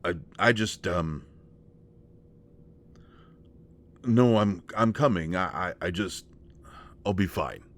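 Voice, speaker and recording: In an intimate one-sided roleplay audio drama, a man with a deep voice plays a gentle, awkward, devoted companion. He halts and stammers, sounding hesitant yet reassuring.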